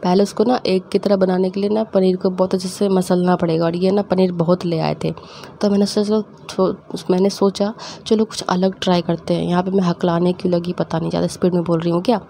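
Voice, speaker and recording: A woman's voice: lowish voice, little pitch movement, vocal fry, mellow, a little hiss or hum. Chatty young woman with a lilt. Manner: chatty, laughs while telling family stories; acts out her mother's scolding in quick quoted bits. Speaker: cooking vlogger. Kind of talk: casual storytelling while cooking.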